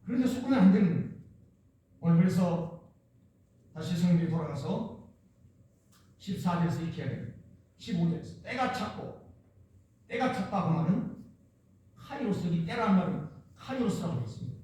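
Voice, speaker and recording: Casting: a high-pitched male pastor preaching in a booming, distant hall. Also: lively intonation, normal speed, pauses often, dark tone, a little hiss or hum. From Jeolla region, Korea. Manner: emphatic, repetitive preaching with rhetorical questions. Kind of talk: sermon. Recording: echoey church hall, distant mic.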